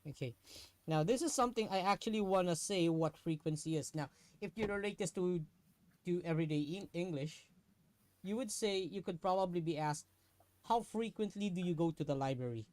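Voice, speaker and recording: A man's voice: high-pitched, brisk, a little mellow, dry recording. A man tutoring a student in a live online lesson, patient, often checking that she follows.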